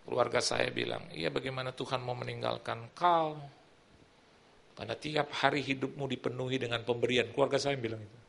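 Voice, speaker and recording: A man's voice: mid-range voice, a little fast, vocal fry. A middle-aged male pastor preaching in church, telling stories and acting out the people in them. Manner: animated, acts out quoted people. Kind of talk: sermon with storytelling.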